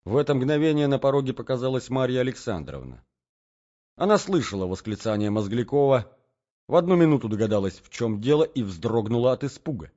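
A male narrator with a mid-range voice reads a classic novel in a calm, even storytelling manner. The recording sounds muffled and lo-fi. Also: medium pitch, a little fast. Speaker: audiobook narrator. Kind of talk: scripted narration. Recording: dull lo-fi audiobook recording.

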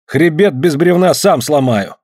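A man's voice: fairly high pitch, a little mellow, dry recording, clean studio sound, voice pushed up. A man reading a story aloud, voicing a sly joking working man who teases and orders the others about. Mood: teasing. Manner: brisk, bossy, teasing.

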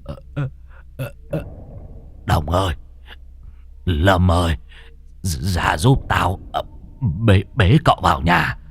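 Man as fussy old exorcist, stammering then bossy, lively pitch, lowish voice. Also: normal speed, husky, full character voice. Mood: fussing. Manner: stammering, fussing.

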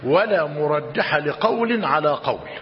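A man with an Egyptian accent teaching a religious lesson, slowly dictating and repeating each phrase and quizzing his students. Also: on the high side, lively intonation. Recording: dull roomy hall recording, faint hiss.

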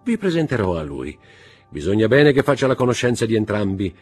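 Man voicing a suave count, smooth courtesy, husky, animated. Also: fairly low pitch, fairly quick, faint music behind, voice pushed up. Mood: courteous. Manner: polished and courteous. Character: suave worldly count, composed host.

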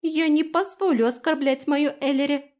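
A woman voicing a tiny, feisty female fairy with a shrill, combative manner. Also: normal speed, darkish tone, lightly acted. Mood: defiant.

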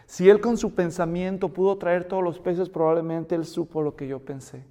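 A man's voice: sits high, fairly even intonation, normal speed, warm tone, big-room sound. A man preaching a sermon as pastor, asking the listeners questions and building to emphatic peaks.

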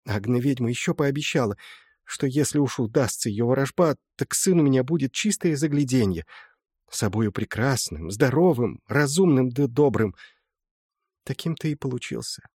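A man's voice: mid-range voice, lively intonation, moderate pace, husky, dry recording, clean studio sound. A man voicing a humble old village mother. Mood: confiding. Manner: soft storytelling, folksy and confiding. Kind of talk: audiobook reading.

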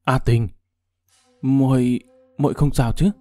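A man's voice: mid-range voice, brisk, warm tone, faint music behind, close to an everyday voice. Give me an earnest young swordsman from a martial-arts storybook, voiced by a male reader. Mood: tearful.

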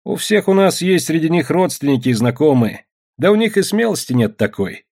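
A calm young mine manager , voiced by a male audiobook reader, explains matters plainly in a raised, lively voice. The tone is husky and level-headed, steady in its answers. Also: on the high side, brisk, voice pushed up. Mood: explaining. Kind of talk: audiobook narration.

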